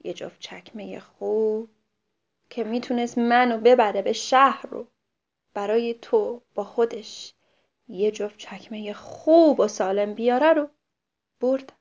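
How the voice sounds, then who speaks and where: A woman voicing a patient, kind-hearted grown man who speaks gently and sighs, on a muffled recording. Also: fairly high pitch, lightly acted. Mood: sad. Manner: gentle and sighing, soft at times.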